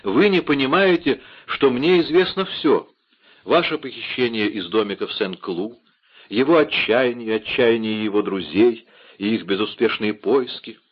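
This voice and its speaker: A man's voice: mid-range voice, moderate pace, slightly rough, close to an everyday voice. A man voicing a cunning, scheming noblewoman in a theatrical audiobook reading, on a dull lo-fi recording.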